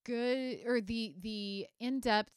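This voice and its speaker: A woman co-hosting a podcast, analytical and thoughtful, speaking in quick bursts with restarts. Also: fairly high pitch, fairly even intonation, clear, resonant tone, no room sound, clean studio sound. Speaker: podcast co-host. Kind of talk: casual conversational podcast.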